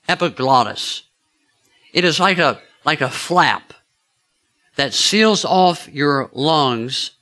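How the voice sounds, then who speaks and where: Bright-voiced preacher telling a story. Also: male voice, fairly high pitch. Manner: chatty, asks the listeners questions. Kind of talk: storytelling sermon.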